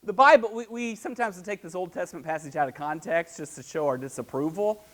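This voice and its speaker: A man's voice: on the high side, fairly quick. A middle-aged man preaching a humorous sermon, telling stories and acting out other people's voices. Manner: animated storytelling, mimics other people's voices. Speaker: pastor. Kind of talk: humorous sermon with acted-out dialogue.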